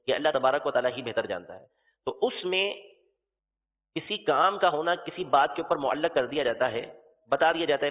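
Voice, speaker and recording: A man giving a religious lecture, explaining patiently, repeating his examples and spelling out terms letter by letter. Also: medium pitch. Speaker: religious teacher. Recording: tinny phone-like sound with long reverb.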